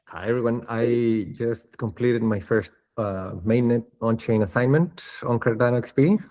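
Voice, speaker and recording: A man's voice: medium pitch, normal speed, mellow. A man giving a friendly, pleased check-in on an online meeting. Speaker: community participant.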